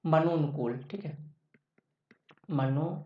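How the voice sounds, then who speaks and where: A man's voice: a little high, slow pace. Man teaching, roomy distant lo-fi sound. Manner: repeats each point, asks and answers his own questions. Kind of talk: online exam-prep lecture.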